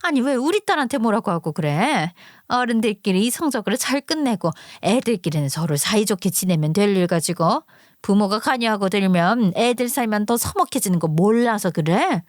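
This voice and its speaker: A woman's voice: mid-range voice, expressive, normal speed, no echo, studio quality, natural voice. A woman voicing a dismissive, snippy middle-aged mother who scoffs and gets defensive. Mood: shocked. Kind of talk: storytelling acting.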